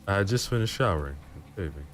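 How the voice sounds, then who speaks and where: Deep-voiced male horror story narrator. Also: animated, fast talker, a little hiss or hum.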